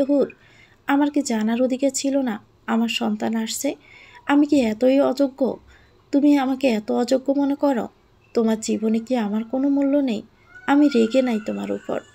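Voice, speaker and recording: A woman voicing a lovestruck young husband in an audio storybook. He speaks softly and affectionately, almost pleading, in a slightly high, mellow tone with a gravelly fry.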